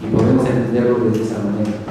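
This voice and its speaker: A man's voice: on the low side, little pitch movement, fast talker, mellow, soft background music. Mexican man lecturing in a very echoey hall. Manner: colloquial, discursive, acts out quoted remarks. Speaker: university lecturer and researcher. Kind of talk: informal lecture to students. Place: large echoey room, recorded from afar. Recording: echoey hall, distant mic, background noise.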